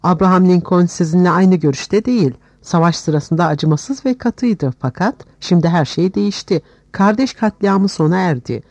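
A man reading the part of a principled Polish captain who speaks in a cold, measured way. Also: high voice, a little mellow, dry recording, pitched above the performer's own voice.

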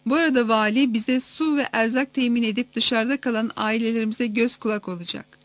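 A reader putting on a commanding man who proclaims orders to a gathered crowd, his voice pitched up and pushed louder than the narration. He sounds stern and sure of his authority. The reading is steady, as in an audiobook. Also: brisk, natural voice. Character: commanding male temple leader.

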